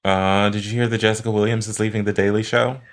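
A man with a low-pitched voice talks casually as a podcast co-host. His delivery is conversational, suited to easy back-and-forth chat. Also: little pitch movement, quick pace. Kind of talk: casual pop culture chat.

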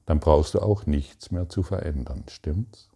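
Man, spiritual teacher, meditative talk, very deep voice, slow pace, probing questions to the listener. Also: creaky, slightly rough. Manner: calm, halting phrasing with long pauses.

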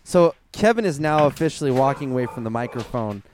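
A man's voice: mid-range voice, expressive, quick pace, a little mellow, slight background noise. A man co-hosting a podcast, teasing his friend in crude casual chat, swearing and laughing often. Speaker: podcast co-host.

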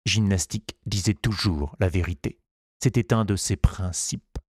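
Man, storybook narrator, low voice, measured, unhurried, dry close sound. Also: slightly rough, no echo. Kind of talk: storybook reading.

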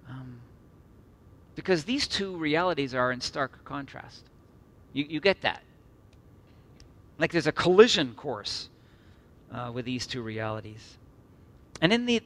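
A middle-aged man preaching a sermon, earnest and emphatic, slowing for repeated phrases and dropping suddenly soft. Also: medium pitch.

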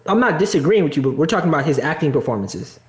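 A man's voice: fairly high pitch, very animated, rapid-fire. Insistent young man arguing a point. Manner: argumentative, insistent, repeats himself. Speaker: podcast co-host. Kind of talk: casual chat.

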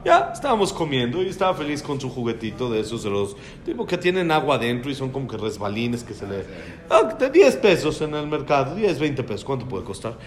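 A man teaching a religious class, animated and repeating phrases for emphasis as he tells personal anecdotes. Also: mid-range voice, brisk.

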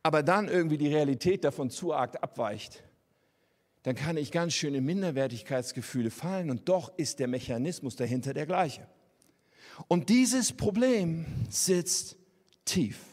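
A man's voice: a little high, expressive, normal speed, a little mellow, long reverb tail. A man preaching a sermon in an earnest, conversational way, speaking directly to his listeners.

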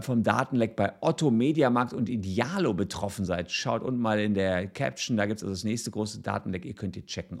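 A man commenting on a video and explaining criminal law in a relaxed, thinking-aloud way with frequent fillers. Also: on the low side. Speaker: legal commentator.

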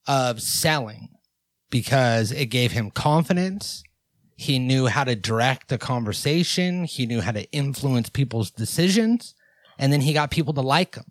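A man's voice: medium pitch, lively intonation, measured pace, no room sound. A man in his thirties with a mid-range voice, recorded close and dry. He chats casually like a comedy podcast host, spinning joking stories with some swearing. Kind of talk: casual chat and anecdotes.

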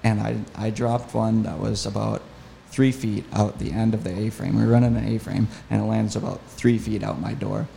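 Gravelly low-voiced man telling a story. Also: normal speed, few pauses, slight background noise. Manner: enthusiastic, animated retelling. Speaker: podcast guest, hunting guide. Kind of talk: casual storytelling.

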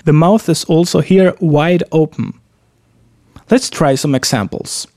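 A man teaching a pronunciation lesson, demonstrating vowel sounds slowly and carefully in a friendly way. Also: fairly high pitch, a little mellow, dry recording, studio quality. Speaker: language teacher.

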